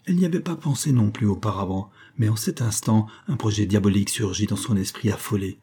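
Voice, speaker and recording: A man narrating a literary story in a measured, even storytelling manner. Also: on the low side, slightly rough. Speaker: audiobook narrator. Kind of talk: scripted narration.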